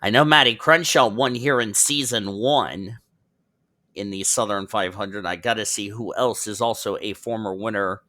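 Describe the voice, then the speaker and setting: Calling a sim stock car race as host and commentator, a man speaks at a normal speed in a lowish, bright, forceful voice. He's a little under the weather, coughs a bit, and reads out the standings while correcting himself as he goes.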